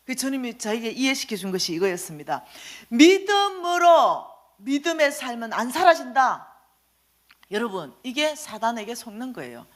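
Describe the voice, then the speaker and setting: Lively high-voiced woman giving testimony. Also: moderate pace. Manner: animated, acts out quoted dialogue, questions the audience. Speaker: staff minister giving testimony. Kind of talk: sermon testimony.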